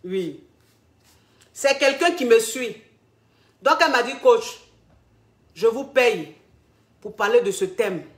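A woman's voice: a little high, animated, takes it slowly, pauses often, roomy sound. A woman relationship coach talking to her followers, repeating herself with emphasis and asking rhetorical questions. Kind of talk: monologue to camera.

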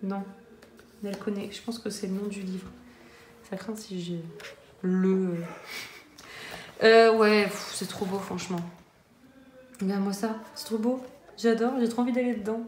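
A woman in her thirties chats about her coloring books at home. She talks casually, with frequent fillers and restarts, at a middling pitch. The room echoes around her, with a faint hiss underneath. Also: steady tone, measured pace, pauses often, darkish tone. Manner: chatty, hesitant, many fillers and restarts. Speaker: coloring-book vlogger. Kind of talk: casual chat showing her book collection.

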